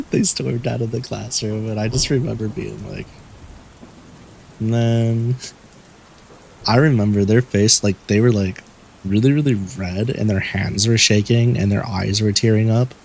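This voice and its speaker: A man hosting a late-night stream, chatting in a relaxed, rambling way and swearing casually. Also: fairly low pitch, a little slow, vocal fry, a little hiss or hum, poor audio. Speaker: streamer host.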